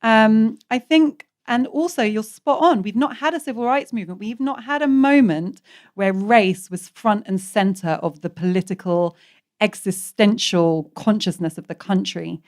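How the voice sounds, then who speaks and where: Woman, panel author, wry, lively, playful mock voices, mid-pitched. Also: normal speed. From Britain. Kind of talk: live public conversation.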